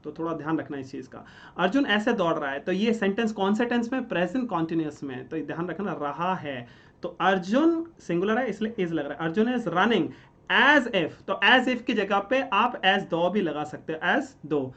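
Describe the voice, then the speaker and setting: Teaching English grammar classroom-style, a man explains things step by step, asks and answers his own questions, and keeps saying "ठीक है?" to check in. His voice is high, expressive and a little bright at a normal speed, on a muffled recording.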